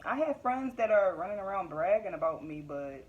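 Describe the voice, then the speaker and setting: A woman's voice: mid-range voice, lively intonation, normal speed, muffled recording. Young woman vlogger, candid and emphatic, casual motivational talk with frequent laughter. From Philadelphia area, US. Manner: candid, emphatic, laughs often, repeats points. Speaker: vlogger and business owner.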